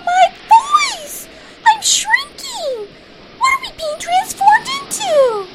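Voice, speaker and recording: A performer voicing an excitable, bossy, childish female sidekick in a comedy audio drama, squealing and demanding. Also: very high-pitched, slow pace, a little hiss or hum, full character voice, poor audio. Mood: alarmed.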